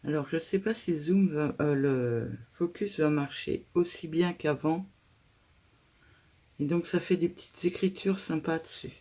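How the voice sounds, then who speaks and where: A woman's voice: deep voice, a little slow, warm tone. A woman hosting a casual craft tutorial, chatting and thinking aloud as she works, with frequent hesitations.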